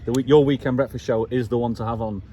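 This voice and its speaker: A man's voice: mid-range voice, steady tone, warm tone, lo-fi sound, a little hiss or hum. A man hosting an online radio show, doing a casual interview with an upbeat, enthusiastic manner. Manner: upbeat and enthusiastic, quick-fire.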